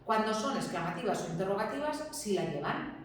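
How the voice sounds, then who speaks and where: A woman's voice: mid-range voice, animated, fairly quick, slight background noise. A woman, a teacher giving a classroom lesson, explaining patiently and often checking that students follow. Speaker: Spanish teacher. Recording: very echoey room, distant mic.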